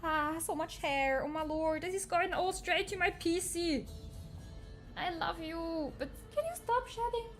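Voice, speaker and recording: A high-pitched, teasing AI avatar girl who talks slowly and sarcastically, voiced by a man through a voice changer. The processed feminine voice chats casually over faint game music in the background. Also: fairly bright tone. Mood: chatty. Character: sarcastic female AI avatar streamer. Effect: voice changer making a man sound female. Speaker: streamer. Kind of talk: casual chat with viewers. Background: faint game soundtrack music.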